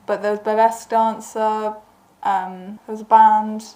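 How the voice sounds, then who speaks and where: A woman's voice: medium pitch, flat delivery, a little slow, mellow. A woman chatting casually as a co-presenter about events. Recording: faint background noise and room ambience.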